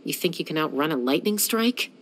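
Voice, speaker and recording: Cool and self-assured, a young woman's gunslinger character delivers video game voice lines about flying and settling disputes with dry teasing. Her voice is low-pitched, slightly rough and expressive, and she speaks briskly.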